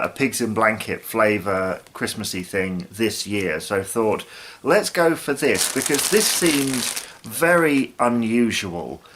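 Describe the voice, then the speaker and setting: A British man in his thirties with a mid-range, fairly bright voice hosts a snack review video, chatting casually to camera. He thinks aloud a bit hesitantly in a small indoor living room, with slight background noise.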